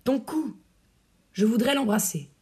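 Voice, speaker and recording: A woman's voice: a little high, animated, unhurried, a little mellow, slightly rough, pitched above the performer's own voice, full character voice. A woman reading the part of a tongue-tied young male soldier in love, pleading and often whispering.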